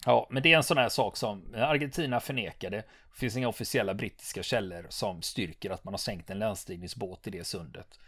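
A man hosting a history podcast, retelling a battle in a calm storytelling manner with many fillers and "va?" tags. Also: on the low side, breathy edge, no echo, clean studio sound. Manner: calm storytelling, rising to excited when narrating combat. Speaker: podcast host.

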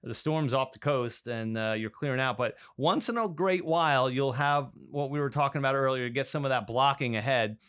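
A man co-hosting a weather podcast, explaining in a steady way with fillers. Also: mid-range voice, normal speed, few pauses, clean tone. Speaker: meteorologist co-host. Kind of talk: casual chat.

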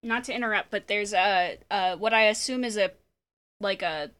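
A woman's voice: mid-range voice, moderate pace, fairly bright tone, smooth. A woman co-hosting a casual fan podcast, enthusiastic and gushing, with playful interjections. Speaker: podcast co-host.

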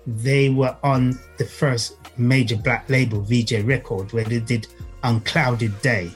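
Male guest expert, mid pitch, halting explanatory talk, emphatic repetition, faint music in background. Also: fairly even intonation. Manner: halting, emphatic repetition, checks with "right?" and "you see". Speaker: guest music author and historian. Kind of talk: explanatory conversation.

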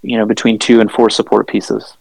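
A man co-hosting a podcast, telling a rambling, laid-back story in casual chat, swearing freely and filling pauses with ums and uhs. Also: fairly low pitch, flat delivery, gravelly, a little mellow, low-quality recording. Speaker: podcast co-host.

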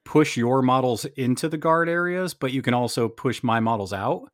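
A man's voice: medium pitch, lively intonation, normal speed, no room sound. Man casually recapping a game, dry close sound. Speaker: podcast host.

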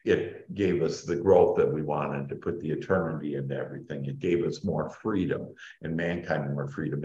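A man with a deep voice talks informally as an inspirational spiritual teacher. He is enthusiastic and effusive, often repeating a word to drive it home. The recording has a noticeable room echo and a dull tone. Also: darkish tone. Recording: dull, roomy echoing sound.

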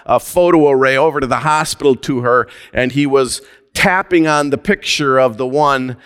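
A man preaching a sermon as pastor, measured and deliberate, with slow emphatic phrases. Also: medium pitch, fairly bright tone, smooth, in a large hall.

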